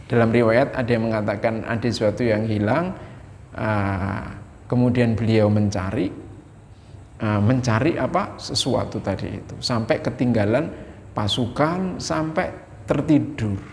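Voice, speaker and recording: A man preaching a folksy, animated sermon in a mosque, speaking directly to the congregation. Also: on the low side, measured pace, gravelly, slight background noise. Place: mosque hall. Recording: long echo of a mosque hall.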